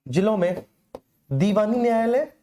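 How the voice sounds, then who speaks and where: A middle-aged woman teaches an exam-prep class with a warm, mellow voice. She repeats every key answer and speaks to her students fondly as children. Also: medium pitch, animated, a little slow. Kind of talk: online exam-prep lesson.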